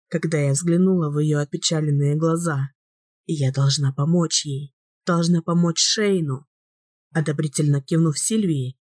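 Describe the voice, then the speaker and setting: A woman narrating a first-person romance novel in a steady, measured way. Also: low voice, dry recording, clean studio sound. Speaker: audiobook reader.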